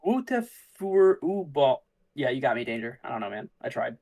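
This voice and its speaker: A man's voice: medium pitch, flat delivery, fast, vocal fry. A man casually commentating on a card game tournament, musing aloud about the plays as they happen. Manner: thinks aloud, musing and easygoing.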